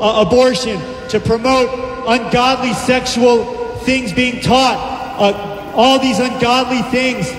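In a park near palm trees, a middle-aged man with a very high-pitched voice delivers a street sermon, declaiming scripture forcefully and often interjecting praise. A far camera picks up his handheld microphone and loudspeaker, so the amplified sound echoes with hall-like reverb, plus slight background noise.

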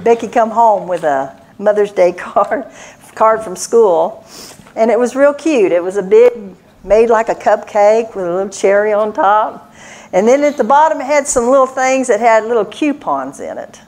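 Older woman, sermon, folksy storytelling, slightly high voice. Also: expressive, moderate pace, darkish tone. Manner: folksy storytelling with frequent laughs. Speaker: church speaker.

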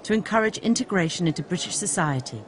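A woman giving measured, serious documentary narration in a studio voice-over. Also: fairly low pitch, lively intonation, slight background noise. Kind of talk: scripted narration. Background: music.

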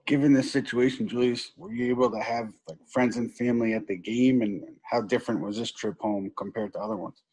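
Husky, flat-voiced male reporter. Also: mid-range voice, fairly quick, hardly any pauses, poor audio. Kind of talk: press conference question. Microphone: video call.

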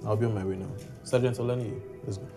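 An actor playing a calm, firm male police detective, measured and authoritative. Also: fairly low pitch, close to an everyday voice. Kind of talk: film drama acting. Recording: film audio with music bed.

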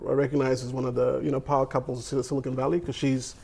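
A man in his forties answers questions in a TV studio, enthusiastic and halting, with plenty of fillers. His pitch sits in the middle, and a lapel mic picks him up cleanly. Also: level tone, vocal fry, a little mellow, slightly rough. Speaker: foundation founder, interview guest. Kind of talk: studio interview.

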